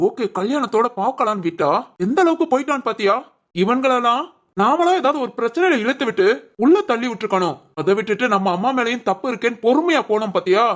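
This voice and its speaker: A woman voices a pair of young brothers quietly scheming to strike back at a rival. The talk runs low and conspiratorial at a middle pitch. This is amateur family drama voice acting. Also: close to an everyday voice.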